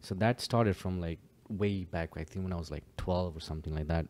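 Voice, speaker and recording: A man's voice: low-pitched, brisk. A man from Kenya, a DJ and producer, chatting casually and easygoingly as a podcast guest. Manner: relaxed, easygoing, many fillers.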